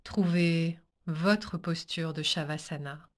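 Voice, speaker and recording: With pauses between each measured phrase, a woman leads a yoga nidra practice in a low voice. As a yoga teacher guiding meditation, she keeps her short, soothing instructions very slow and calm.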